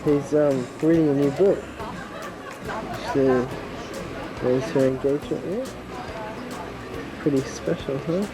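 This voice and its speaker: A man's voice: fairly high pitch, slow pace, long pauses, loud music behind the voice, a loud crowd, poor audio. A man filming a road trip and chatting with teasing remarks, heard through old VHS camcorder tape audio. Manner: chatty and teasing, laughs often. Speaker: camera operator on a road trip. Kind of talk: casual home-video commentary. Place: in and around a van on mountain roads. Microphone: built-in camcorder mic.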